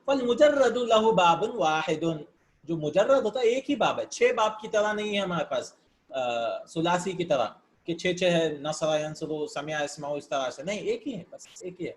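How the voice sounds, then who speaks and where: A man's voice: fairly high pitch, lively intonation. A man teaching Arabic grammar in a casual lesson, reading words aloud and explaining them in with English terms mixed in, sometimes thinking aloud.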